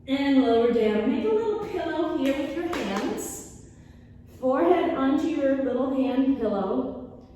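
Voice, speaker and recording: Echoey, high-voiced woman cueing a workout. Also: expressive, a little slow, warm tone. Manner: counts and cues movements in short commands. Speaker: Pilates instructor. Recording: echoey hall, distant mic, faint noise.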